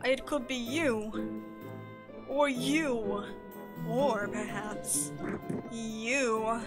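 A woman's voice: fairly high pitch, steady tone, over loud music. A woman voicing a showy, bombastic man, a scientist posing as a space recruiter in a game. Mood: grandiose. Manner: theatrical, pompous, drawn-out emphasis.

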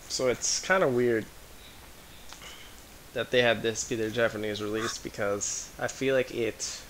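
A man's voice: medium pitch, fairly bright tone, a little hiss or hum. A man giving casual, rambling commentary on a music video, out of breath and full of "like" and "um".

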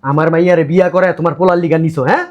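A middle-aged man playing an arrogant, foul-mouthed rich industrialist father who shouts insults and barks orders. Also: a little high, steady tone, very fast, muffled recording, close to an everyday voice. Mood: furious.

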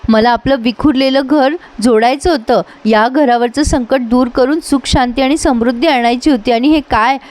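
A woman's voice: high-pitched, normal speed, hardly any pauses, darkish tone, lightly acted. A woman voicing an earnest young daughter-in-law who pleads with her family in a recap of a TV serial. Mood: tearful. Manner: pleading, tearful appeals.

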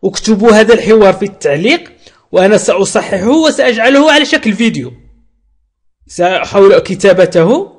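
A man teaching a French lesson, who says French phrases slowly, repeats them, and then explains them. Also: high-pitched, husky. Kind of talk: language lesson.

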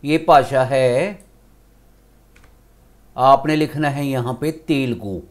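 A male school teacher with a Punjabi accent, slowly explaining a grammar lesson step by step, switching between two languages. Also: medium pitch.

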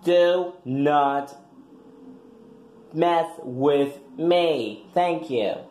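A man's voice: fairly high pitch, very slow, a little mellow. A man voicing a brash, foul-mouthed young woman graduate giving a crude, combative speech in a comic skit. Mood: sassy. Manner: crude, combative, trash-talking. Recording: echoey room.

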